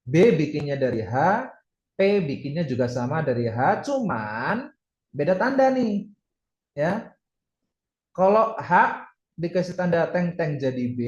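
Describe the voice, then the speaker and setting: A man, teaching a casual online lesson, chatty and step by step, slowly sounding out syllables. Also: a little high, a little mellow. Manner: chatty, explains step by step with many fillers. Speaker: Japanese language teacher. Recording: roomy, somewhat dull audio.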